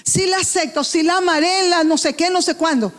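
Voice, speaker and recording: A woman's voice: very high-pitched, fairly even intonation, a little fast. A woman pastor preaching a sermon, telling a story with quoted dialogue in a passionate, emotional way.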